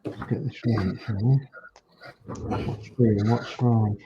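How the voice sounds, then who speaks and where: Man, Hull accent, unhurried, muttering to himself while working, muffled noisy recording. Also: fairly low pitch, fairly even intonation. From Hull, England. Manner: thinking aloud, talking to himself. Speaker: hobbyist presenter demonstrating model making. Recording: muffled, clearly noisy room recording with clicks.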